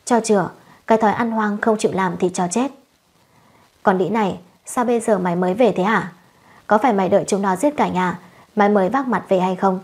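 A woman voicing a sharp-tongued young village wife who scolds and curses shrilly, in a storybook reading. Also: medium pitch, brisk, husky, natural voice. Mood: scornful.

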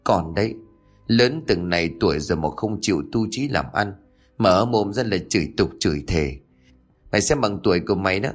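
Man doing a pleading gentle mother. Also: on the low side, sing-song, quick pace, soft background music. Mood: pleading reproach. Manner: soft, reproachful, pleading.

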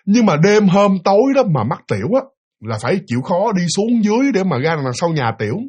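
A man telling a ghost story casually, animated and talking to his listeners, repeating words for effect. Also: sits high, fairly quick.

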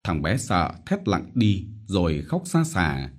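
Man, audiobook narrator, novel reading, husky, lively intonation, dramatic. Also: deep voice, slow. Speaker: audiobook reader.

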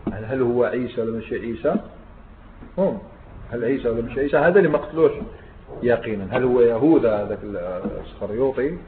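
A man's voice: mid-range voice, lively intonation, fast, slight background noise. A man with an Algerian Arabic accent, an Islamic scholar giving a classroom grammar lesson who explains step by step and keeps checking that his students follow. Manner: explains step by step, often asks students "understood?". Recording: echoey room on a tinny, phone-like line.

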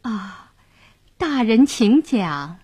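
A woman voicing a clever, bold young wife who turns coy and flattering, pitched above her own voice. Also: drawn-out words, slightly rough, no echo, exaggerated voice. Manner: defiant, then coy and flattering.

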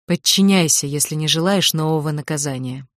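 A woman reading the part of a cold, hoarse, domineering male prince in an audiobook, giving curt orders. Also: deep voice, brisk, dry recording, studio quality, lightly acted. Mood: commanding.

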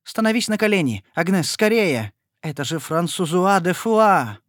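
A man voicing a devoted young gentleman who speaks fervently and breathlessly. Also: medium pitch, expressive, moderate pace, no echo, studio quality, natural voice. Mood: agitated.

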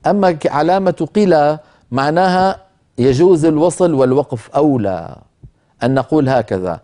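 Mellow-voiced male recitation teacher. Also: a little high, expressive. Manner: measured, explanatory, pauses to demonstrate recitation slowly. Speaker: Quran recitation teacher, program host. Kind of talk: televised tajweed lesson.

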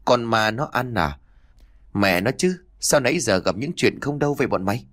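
A man voicing a gruff grumbling fishing buddy. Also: medium pitch, animated, normal speed, a bit bright, dry recording, studio quality, lightly acted. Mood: baffled. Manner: blunt, grumbling, teasing. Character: rowdy young married man, fishing buddy.

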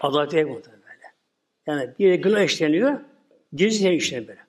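A man's voice: a little high, animated, fast. Older man preaching a sermon. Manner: rambling, repeats filler words, drops to mumbles. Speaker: Islamic preacher. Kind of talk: religious sermon talk.

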